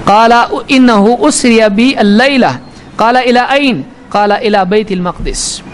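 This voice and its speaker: High-voiced man preaching a hadith sermon. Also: slight background noise. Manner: quotes Arabic text then explains in colloquial Urdu; acts out the speakers in the story with changing tone. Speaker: Islamic preacher.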